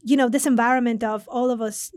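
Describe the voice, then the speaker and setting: Here the middle-aged Mexican consulting executive talks quickly in a fairly high, slightly mellow voice with fairly even intonation. She is an earnest interview guest who often restarts what she's saying, and the recording is dry.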